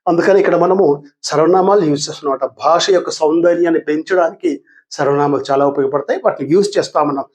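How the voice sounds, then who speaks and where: An older man teaching a grammar lesson, patient and repetitive, asking his students questions and reading English definitions very slowly. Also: a little high, a little mellow. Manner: patient, repeats terms and asks the class questions, calls students dear.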